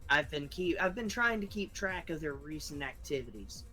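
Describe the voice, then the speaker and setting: A man playing a tabletop role-playing game, quick to jump into character. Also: a little high, expressive, sharp tone, faint music behind. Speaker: player.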